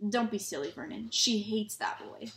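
A woman's voice: mid-range voice, normal speed, far from the mic, slight background noise, natural voice. Snappy fussy aunt, a woman reading it, storybook voice, roomy echo. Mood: snappish. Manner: sharp, snappish. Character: shrill fussy middle-aged aunt.

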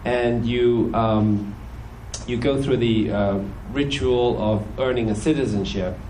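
A British church speaker in his forties, raised in several countries, delivers a relaxed, good-humored Sunday sermon with personal testimony from a church hall stage, his accent softened by years in America. His medium-pitched voice comes through a stand microphone on a rough recording with slight background noise. He's conversational, says "you know" a lot, and slips into quick voices.

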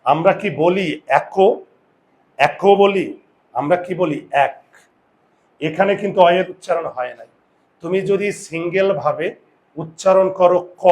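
A man teaching a grammar lesson, asking students rhetorical questions and slowly stressing and repeating key words, with confident asides. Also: a little high. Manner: addresses students directly with frequent rhetorical questions. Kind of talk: classroom-style video lesson.

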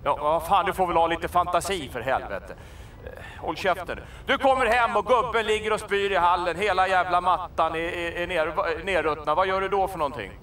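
A man's voice: sits high, bright, forceful tone, recorded from a distance, slight background noise. An actor playing a crude, boastful wannabe musician and pushy street salesman who swears constantly. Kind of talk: sketch comedy acting.

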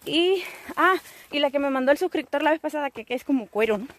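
Give me a high-pitched woman chatting on a phone vlog outdoors, rambling and lively. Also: fast talker, a little hiss or hum. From El Salvador. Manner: rambling, animated, self-teasing. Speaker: vlogger.

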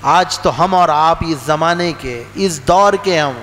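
High-voiced preacher in a reverberant hall. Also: male voice, slow pace. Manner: emphatic, repeats phrases, swings between soft low lines and raised outbursts. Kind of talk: religious sermon. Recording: long hall reverb with faint noise.

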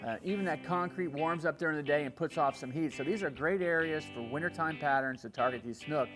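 A middle-aged man seated on a porch outdoors, calmly explaining fishing conditions in an interview. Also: on the high side, quick pace, over music. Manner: calm, informative. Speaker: fishing show host.

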